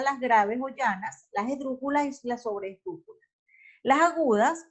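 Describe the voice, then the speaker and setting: A woman teacher lecturing an online class on spelling and accent marks, often checking in with a quick question and correcting herself mid-sentence. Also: high-pitched.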